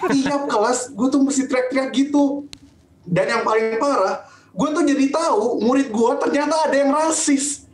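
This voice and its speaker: Indonesian male comic, high voice, exasperated complaints, recorded in a roomy echoing venue. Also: moderate pace. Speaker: stand-up comedian. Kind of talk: stand-up comedy set.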